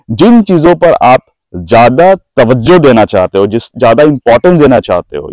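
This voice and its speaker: Male trainer, instructional talk, slows down to stress words, dry close sound. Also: mid-range voice, warm tone, no room sound, rough recording. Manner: drawn-out, stressed words when demonstrating emphasis. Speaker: presentation skills trainer.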